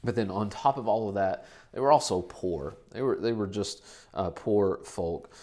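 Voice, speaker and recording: A man's voice: on the low side, normal speed, a little mellow. Pastor in his forties preaching. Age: 40s. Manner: conversational, repeats phrases for emphasis. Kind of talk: sermon. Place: church.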